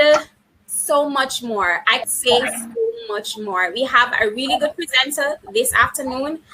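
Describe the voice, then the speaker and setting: A woman's voice: high voice, bright, forceful tone, a little hiss or hum, low-quality recording. A woman moderating a webinar, reading out a guest's introduction in a welcoming, formal way. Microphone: video call.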